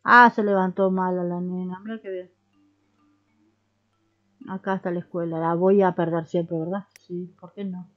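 A woman's voice: lowish voice, level tone, normal speed, pauses often, dull audio, faint music behind. A woman with a Rioplatense Spanish accent giving casual let's-play commentary, chatty and coaxing as she talks to her characters like babies. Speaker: gaming YouTuber.

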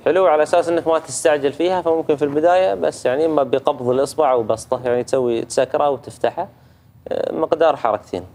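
A man's voice: on the high side, racing, a little mellow. A man with a Gulf Arabic accent giving a reciter patient feedback on recitation rules, demonstrating sounds and checking in often. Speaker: Quran recitation judge. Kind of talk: tajweed teaching feedback.

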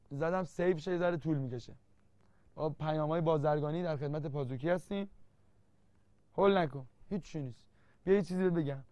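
Playful high-voiced literature teacher. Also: male voice, darkish tone, no echo. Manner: playful, teasing, repeats key terms to drill them. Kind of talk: exam-prep literature lesson. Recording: dull lo-fi dry sound.

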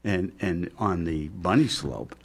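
Older man, very deep voice, halting, lots of ums, studio desk mic. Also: a loud crowd. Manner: halting, many fillers and restarts. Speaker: chef, guest. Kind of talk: casual studio interview. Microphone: desk microphone on stand.

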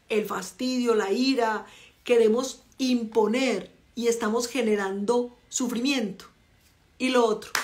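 A middle-aged woman with a Colombian accent leads a personal growth talk, her voice sitting a touch high. She moves between explaining ideas and animated storytelling, acting out the people she quotes. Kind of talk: motivational talk with personal anecdotes.

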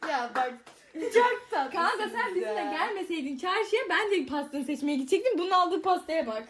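Young woman joking around with friends, high voice, echoey noisy room. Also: expressive, a little fast, far from the mic. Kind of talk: casual chat. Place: hotel room, indoors.

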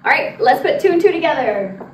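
A young woman teaches a line dance step by step, counting out the moves and demonstrating them as she directs. Her voice sits high, sing-song and brisk, recorded with a distant, noisy mic in a large, roomy dance studio with a wooden floor.

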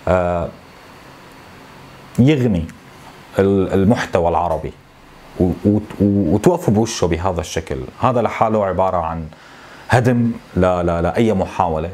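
A man in his thirties with a Syrian Arabic accent, venting to camera in a frustrated, complaining way, with halting repetitions. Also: sits low, mellow. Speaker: tech YouTuber. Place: small home office, indoors.

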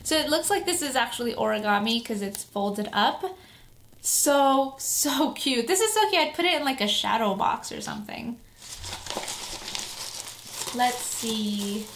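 Female unboxing host, higher-pitched, excited fan gushing casually to viewers, recorded in an echoey room. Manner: excited, gushing fan, drawn-out emphasis and delighted exclamations. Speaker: vlog host. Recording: echoey room, some background noise.

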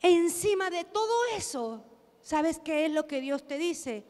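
A woman pastor with a very high voice preaches slowly and deliberately, drawing out her words. Her impassioned sermon rings with the long reverb of a large church hall. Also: animated. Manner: impassioned preaching, rising to shouts.

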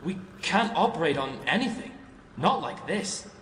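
Man as a curt, annoyed worker, slightly high, echoey and far off, faint hiss. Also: sing-song, moderate pace, a bit bright. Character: gruff irritated male maintenance worker.

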